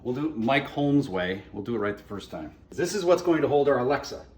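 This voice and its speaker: A radio morning show host presents a DIY project, walking viewers through each step in a casual, folksy, wry tone. His medium-pitched voice is brisk with lively intonation. Clear background music plays as a bed behind him, and the background noise is heavy.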